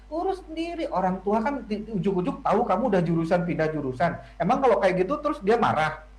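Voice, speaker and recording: A man's voice: high-pitched, lively intonation, quick pace. Echoey-voiced man explaining family psychology. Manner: explanatory, acts out children's lines. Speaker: family psychology guest speaker. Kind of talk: radio talk show discussion.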